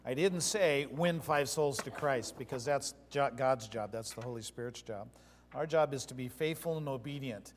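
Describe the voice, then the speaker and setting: A man's voice: medium pitch, moderate pace, a little hiss or hum. Male pastor, sermon delivery, emphatic storyteller, reverberant sanctuary sound. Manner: storytelling preacher, emphatic, swings from loud to soft. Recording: long hall reverb.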